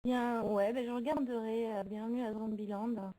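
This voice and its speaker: A woman's voice: a little high, steady tone, normal speed, dark tone, low-quality recording. A woman hosting a casual livestream about films, chatty and hesitant with many fillers, laughing often and answering viewer comments. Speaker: streamer hosting a movie chat.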